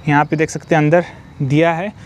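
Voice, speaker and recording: A man with a fairly high, flat-sounding voice talks fairly quickly, with a little hiss or hum in the audio. He's a civil construction site vlogger walking an outdoor building site, filming on a handheld phone and explaining the work repetitively, dropping in English technical terms.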